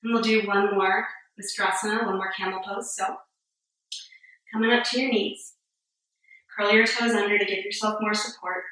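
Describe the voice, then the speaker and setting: Echoey, bright-voiced woman yoga teacher. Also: mid-range voice, moderate pace, long pauses. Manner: calm step-by-step cueing, a little breathless and joking. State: a bit out of breath. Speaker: yoga instructor. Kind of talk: guided yoga class. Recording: very echoey room, voice far from mic.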